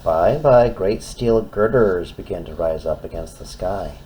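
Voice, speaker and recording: A man's voice: sits low, unhurried, dark tone, slight background noise. A man reading a children's story aloud expressively, in simple phrases as if to a toddler. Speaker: storytime reader.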